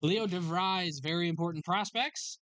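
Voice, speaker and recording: A card break host in a sports card shop, briskly calling out card names and serial numbers as packs are opened. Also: medium pitch, a bit bright, dry recording. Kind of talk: live card break commentary.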